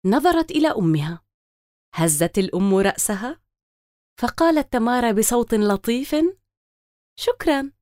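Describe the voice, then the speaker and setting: A woman reading a children's story aloud in an expressive, animated way. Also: a little high, normal speed, pauses often, dry recording, studio quality.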